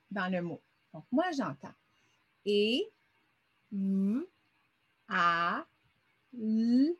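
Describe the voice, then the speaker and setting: A woman's voice: a little high, slightly rough. A middle-aged woman teaching a vocabulary lesson over a screen, patiently sounding words out syllable by syllable.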